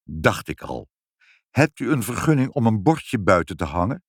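A man voicing a fussy elderly male civil servant, a grandfather who talks gruffly and gets muddled, in a storybook reading. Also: lowish voice, very animated, normal speed, no room sound, clean studio sound. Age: older. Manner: gruff, then doting and muddled.

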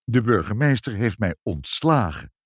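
A man voicing a tearful, broken middle-aged bookkeeper who stammers and sobs in a strained, high voice. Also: big pitch swings, normal speed, no room sound, studio quality. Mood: distraught.

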